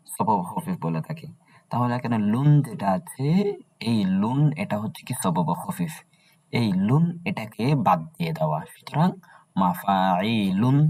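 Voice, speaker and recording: A man with a Bangladeshi Bengali accent teaching Arabic prosody in a classroom lecture, asking himself questions and answering them, and drawing out meter syllables slowly. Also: lowish voice, a little mellow, slightly rough.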